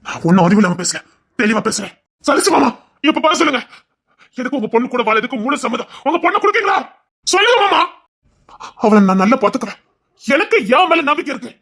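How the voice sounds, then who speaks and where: Guy acting as a stubborn young man, tirunelveli accent, fast insistent talk. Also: extremely high pitch, lively intonation, fairly bright tone, breathy edge, full character voice. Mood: pleading. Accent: Tirunelveli Tamil. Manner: defiant, insistent, pleading. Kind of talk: dramatic serial acting.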